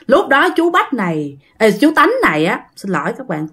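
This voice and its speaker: A woman with a Southern Vietnamese accent telling a ghost story in a casual, animated way, talking straight to her listeners. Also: fairly high pitch, normal speed, slightly rough.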